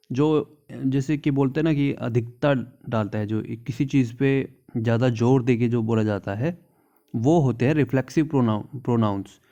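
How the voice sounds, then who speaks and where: With a warm, medium-pitched voice on dull-sounding audio, a man explains English grammar in Hindi. He takes the English examples slowly and often checks understanding with "theek hai na."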